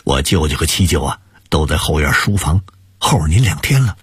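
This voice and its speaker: Deferential young nephew, husky, bouncy pitch, man voicing him. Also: very animated, moderate pace, no echo, heavily acted.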